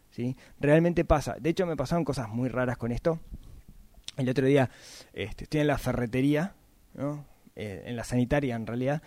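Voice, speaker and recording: A man, giving a casual, chatty talk about podcasting and often tagging his points with quick questions. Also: medium pitch, darkish tone, no echo. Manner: chatty, frequent tag questions.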